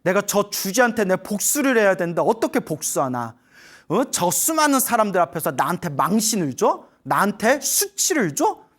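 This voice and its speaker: A woman's voice: mid-range voice, very animated, moderate pace. A woman voicing a hot-tempered male monk who broods over a grudge and then resolves to change. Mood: seething. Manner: seething, muttering to himself.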